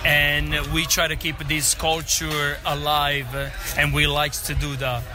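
A man from Naples speaks haltingly as an interviewed fan. His talk is slow and flat. Music plays clearly behind him. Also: fairly high pitch. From Naples, Italy. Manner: halting, hesitant.

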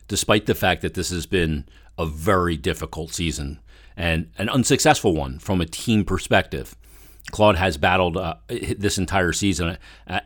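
A man's voice: low-pitched, no echo, clean studio sound. A man hosting a sports podcast, giving conversational solo commentary and repeating phrases for emphasis.

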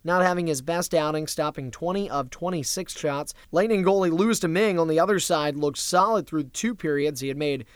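A man's voice: a little high, brisk, hardly any pauses, clean tone, no echo. A man hosting a sports recap, talking through a hockey game in a conversational way.

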